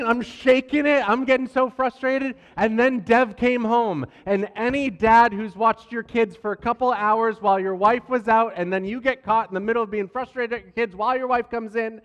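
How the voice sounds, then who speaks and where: Animated pastor telling a story in a reverberant church. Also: male voice, extremely high pitch. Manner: animated, self-deprecating humorous storytelling. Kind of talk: sermon storytelling. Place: church sanctuary. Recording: long church hall reverb.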